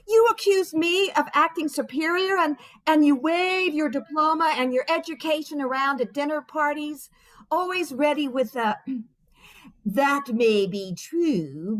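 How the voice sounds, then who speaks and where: Woman doing a bitter wife ranting at her husband, sarcastic and exasperated, voice sits high and swings all over. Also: fairly bright tone, rough recording. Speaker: stage actor. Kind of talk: theatrical monologue.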